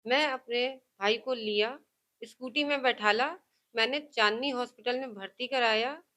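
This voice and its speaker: A woman's voice: fairly high pitch, a little slow, sharp tone. A woman, the victim's sister, speaking emphatically and insistently in a news interview. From Kanpur. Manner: emphatic, insistent, words tumbling out. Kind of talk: news interview and heated argument.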